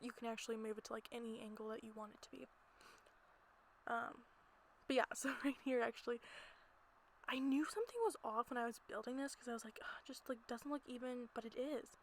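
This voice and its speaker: High-voiced woman chatting casually, some noise. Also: poor audio. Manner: giggly, informal, rambling. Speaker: amateur video creator narrating gameplay. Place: small closet at home. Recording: noticeable background noise.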